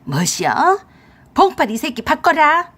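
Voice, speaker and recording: A woman voicing a coarse, hot-tempered middle-aged mother-in-law who scolds at full shout, reading a storybook tale. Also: medium pitch, expressive, normal speed, breathy edge. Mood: furious.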